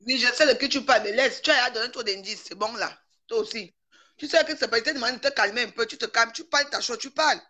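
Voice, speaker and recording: A woman on a live stream call, firmly and calmly advising the host to let things go. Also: fairly high pitch, quick pace. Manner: firm, calming, advising. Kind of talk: casual advice on a live call.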